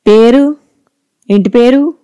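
A severe older hostel warden barks short questions, played by a woman reading a story. Her voice sits higher and a touch louder than the narration, dry and close. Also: slow, clean tone, dry recording, lo-fi sound. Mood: stern.

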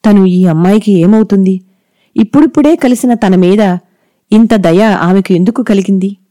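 Calm woman narrating a story, mellow. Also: mid-range voice, moderate pace, dry recording, studio quality.

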